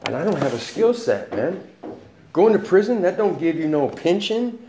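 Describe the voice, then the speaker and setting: A man's voice: high voice, big pitch swings, moderate pace. A man in his forties telling his life story in a casual, slangy way, often laughing as he talks. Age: 40s. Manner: street slang, laughs often while talking. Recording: echoey room with noise behind.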